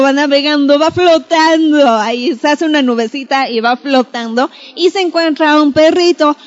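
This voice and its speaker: A woman with a Mexican accent presenting a children's book review, retelling the story in a playful, animated way. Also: sits high. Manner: playful, animated, acts out scenes. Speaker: book reviewer on a broadcast segment. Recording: dull lo-fi recording.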